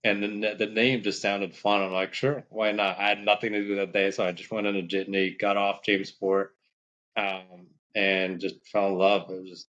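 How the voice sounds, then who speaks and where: A man from Morocco, a podcast guest, telling his story in a relaxed, rambling way with many fillers. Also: fairly low pitch, moderate pace, lo-fi sound. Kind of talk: casual storytelling interview.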